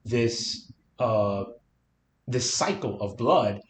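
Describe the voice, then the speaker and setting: A man's voice: medium pitch, very slow, slight background noise. A man co-hosting a podcast, chatting casually about a book and searching for his words as he thinks aloud. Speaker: podcast co-host. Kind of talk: casual book-discussion chat. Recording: roomy echo.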